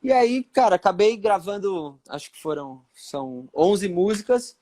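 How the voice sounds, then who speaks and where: Man, Paulista accent, high voice, casual live-chat storytelling, animated, acts out quoted lines. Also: unhurried. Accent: Paulista Portuguese. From São Paulo state, Brazil. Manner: animated, acts out quoted dialogue with pitch jumps. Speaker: percussionist guest.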